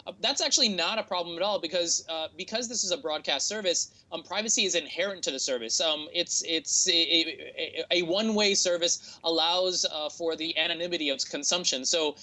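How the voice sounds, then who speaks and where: A man's voice: fairly high pitch, a little fast, hardly any pauses, pushed and bright, poor audio. A man with a standard American accent explaining things as an interview guest, often hesitating and repeating words as he thinks. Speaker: interview guest, tech entrepreneur.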